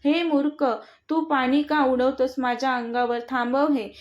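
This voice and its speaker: Brief: a woman reading a hot-tempered young wife, scolding, high voice, dull lo-fi sound. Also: level tone, a little slow. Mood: indignant. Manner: indignant, scolding. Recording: dull lo-fi recording.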